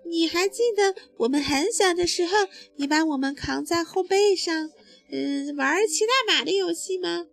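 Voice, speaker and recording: An excitable little girl bear cub , as a woman storyteller puts her on, begs in a thin, high, wheedling voice. The pitch leaps around, and faint music plays behind. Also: normal speed, gravelly. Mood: eager. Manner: high, whining and pleading.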